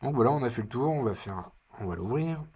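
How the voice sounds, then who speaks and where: A man's voice: medium pitch, animated, brisk, a little mellow, breathy edge. A man giving casual unboxing commentary in his living room, chatty and hesitant with wry asides. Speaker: product reviewer.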